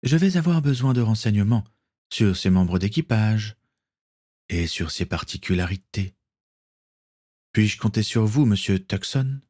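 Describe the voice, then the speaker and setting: A man voicing a stern, dutiful naval captain in a read-aloud story, measured and authoritative. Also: lowish voice, expressive, darkish tone, dry recording, studio quality.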